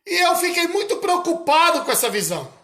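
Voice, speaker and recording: A man from Brazil with a Brazilian Portuguese accent, preaching slowly and emphatically about a vision, repeating his phrases. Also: extremely high pitch, very animated, sharp tone, echoey room. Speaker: missionary preacher. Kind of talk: sermon recounting a vision.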